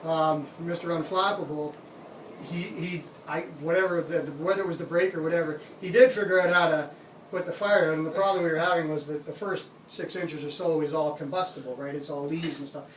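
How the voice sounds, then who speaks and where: A middle-aged man from Canada casually telling a funny camping story, animated and laughing often. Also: a little high, a little fast, a little hiss or hum. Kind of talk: casual spoken anecdote. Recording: roomy, distant mic with background ambience.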